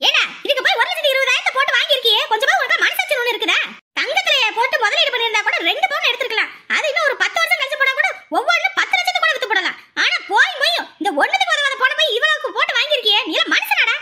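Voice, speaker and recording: A woman playing a shrill scolding village mother. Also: expressive, racing, background noise. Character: loud thrifty middle-aged village mother. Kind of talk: comedy sketch acting.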